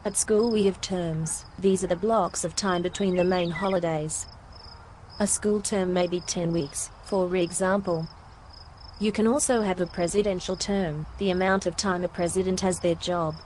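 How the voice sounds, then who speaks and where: Lower-voiced Australian woman teaching English. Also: steady tone, moderate pace, a little mellow, a little hiss or hum. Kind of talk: scripted lesson reading.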